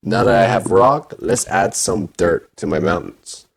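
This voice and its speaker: A man's voice: deep voice, lively intonation, measured pace, gravelly, noisy background. A man talking through a voice changer, giving a casual step-by-step game tutorial. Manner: plain instructing with filler "you know".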